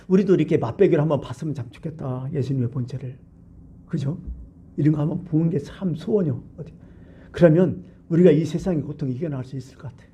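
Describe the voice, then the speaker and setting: A man pastor preaching a colloquial, lively sermon in a church, full of rhetorical questions to the congregation. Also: fairly high pitch, slightly rough. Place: church sanctuary.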